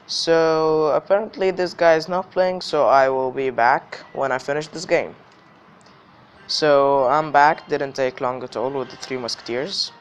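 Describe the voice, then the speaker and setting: Sounding slightly ill, this gaming host talks through casual gameplay commentary in a smooth voice that's a little high. His tone stays steady and his pace is a little slow.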